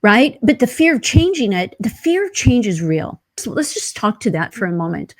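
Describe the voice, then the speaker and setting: A woman's voice: fairly high pitch, very animated, normal speed. Earnest woman coaching through questions. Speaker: podcast guest, epigenetics coach. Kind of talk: conversational interview.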